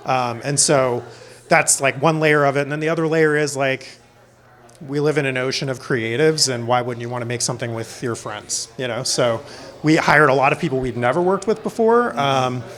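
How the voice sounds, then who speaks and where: Here the Florida-born film director, a middle-aged American man, talks at a moderate pace with a mid-range, somewhat bright voice. As an interview guest, he keeps things casual, trading panel banter and personal anecdotes.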